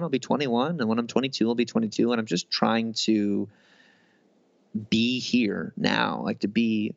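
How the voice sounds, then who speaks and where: A man's voice: fairly low pitch, vocal fry, no room sound, highs cut off. A man in his thirties, a guest in a casual interview, talking in a rambling way with many restarts and fillers. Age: 30s. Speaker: guest author.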